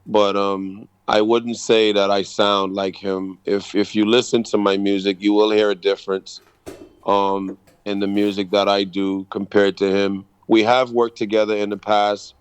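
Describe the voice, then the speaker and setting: A man from the Bahamas in his thirties answers interview questions in a measured way, pausing on frequent ums. His voice sits fairly low and runs flat, with little rise and fall. The tone is smooth and clean. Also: dull audio. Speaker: guest reggae artist and producer. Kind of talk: casual radio interview.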